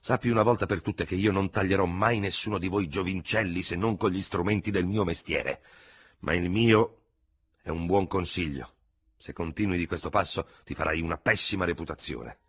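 A man voicing a grey-haired male army surgeon, calm and patient, giving measured, level-headed advice. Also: deep voice, slightly rough, exaggerated voice.

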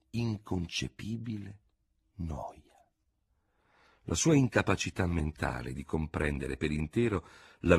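Male narrator, low husky voice, measured dramatic storybook reading. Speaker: audiobook narrator. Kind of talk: scripted narration.

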